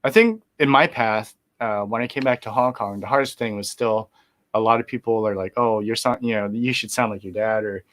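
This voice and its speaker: In an easygoing interview, a middle-aged musician guest talks slightly quickly in a lowish voice. His speech is relaxed and meandering, peppered with fillers and false starts.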